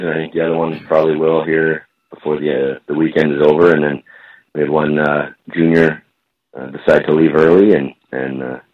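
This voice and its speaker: A man being interviewed as a guest coach, heard over a phone line and building his answers slowly with many pauses. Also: very deep voice. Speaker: guest strength and conditioning coach.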